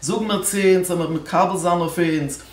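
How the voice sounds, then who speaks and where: A man, a rabbi, telling a religious story in a speech at a celebration, moving between loud stressed words and hushed low passages. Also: normal speed, reverberant.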